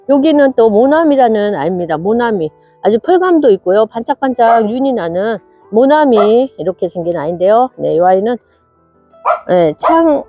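Her voice is medium-pitched and husky, captured in a dry recording that still sounds dull and lo-fi, with faint music. A cheerful South Korean woman, she casually showcases her succulents for sale, gasping and exclaiming at every plant.

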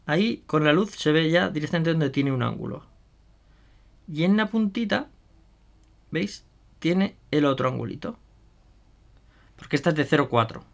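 A man's voice: fairly high pitch, expressive, normal speed, vocal fry, pauses often. A man chatting casually through a hands-on product demo, thinking aloud with fillers and asides to viewers. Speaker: miniature painting youtuber.

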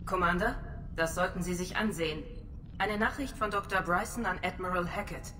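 A woman voicing a calm female starship AI, heard over a ship's comm channel with cool, measured reports. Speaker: ship's AI in a video game. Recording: noisy game capture with rumble.

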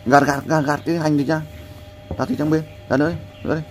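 A man's voice: fairly high pitch, steady tone, fast, over music. A man, a vlogger who talks in a rambling way to his viewers and coaches a friend as they cook outdoors. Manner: rambling, repeats "there" often, coaching someone. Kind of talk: casual vlog narration and instructions.

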